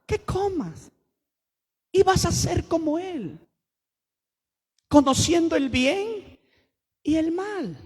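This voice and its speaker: A man voicing a sly, tempting serpent, speaking softly, slowly and coaxingly inside a sermon. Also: very high voice, big pitch swings, big-room sound, pitched above the performer's own voice, full character voice. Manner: soft, slow and coaxing.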